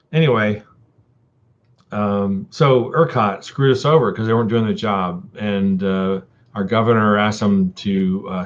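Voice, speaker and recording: A man chatting casually on a live stream, rambling with many ums and uhs and calling viewers buddy and dude. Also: lowish voice. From Texas. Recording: dull lo-fi stream audio.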